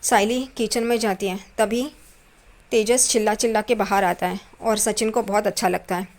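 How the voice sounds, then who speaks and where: Lady narrating a tv serial recap, mid-pitched voice, going scene by scene and tagging quotes as she goes. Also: steady tone, moderate pace. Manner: retells scenes step by step, tagging quotes with a trailing "karke".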